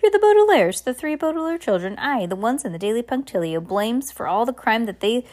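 A woman's voice: a little high, very animated, darkish tone, pitched above the performer's own voice. A woman voicing a hyper, blustering male submarine captain in a children's storybook, rambling, exclaiming and contradicting themselves. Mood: excitable. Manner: rambling, self-contradicting, exclamatory rapid-fire talk. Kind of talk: children's storybook read aloud.

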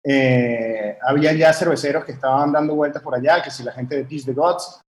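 A man born in Venezuela, appearing as a guest brewer, talks at a moderate pace in a mid-range voice, telling his story in a rambling interview packed with fillers and false starts. The setting is a warm room cooled by fans, and the audio is echoey with a low hum behind it.

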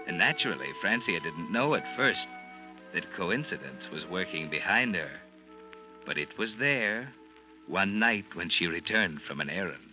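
An actor playing a sinister, all-knowing night-walking narrator in a 1940s radio mystery, speaking slowly and ominously with theatrical weight. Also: male voice, low-pitched, big pitch swings. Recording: dull vintage radio recording with music.

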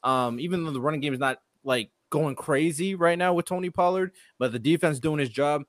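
Man, opinionated sports commentator, animated higher voice, dry sound, casual slang. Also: a little fast, no room sound. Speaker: sports show panelist.

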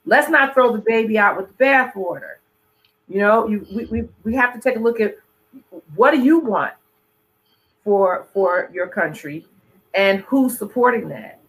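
A host in casual conversation, explaining points in a measured way. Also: mid-range voice, lively intonation, fairly bright tone, poor audio.

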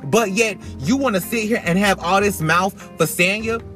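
Speaking loudly as though over rain, a high-voiced male podcast host reviews reality TV with sassy, emphatic, opinionated casual commentary, swearing freely at a moderate pace. It was recorded on an iPhone, with rain and background music audible.

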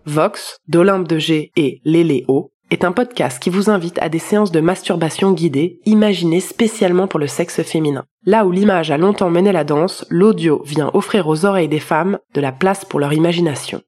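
A woman's voice: lowish voice, moderate pace, few pauses, darkish tone. A woman hosting a podcast review, delivering scripted narration with personal commentary.

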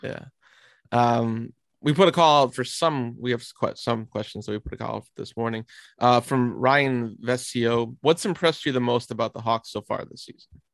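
A man co-hosting a casual hockey podcast, talking in halting runs with many restarts. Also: medium pitch, gravelly, dry recording. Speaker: hockey reporter and podcast co-host. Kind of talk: casual sports chat.

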